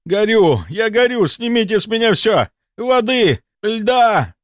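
A man's voice: high voice, lively intonation, slow, dry recording, clean studio sound, voice pushed up. A screaming, fevered male patient. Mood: burning panic. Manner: screaming, stammering with chattering teeth.

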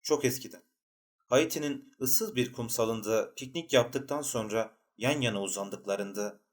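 A man reads a literary novel aloud in a steady audiobook narration. His voice sits at an ordinary middle pitch for a man, and his delivery stays measured and even.

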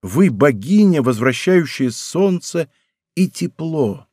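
A man voicing a gallant young king, speaking in soft, tender tones in an audiobook reading. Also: a little high, sing-song, takes it slowly, no room sound, studio quality, exaggerated voice. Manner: soft, tender murmurs turning firm.

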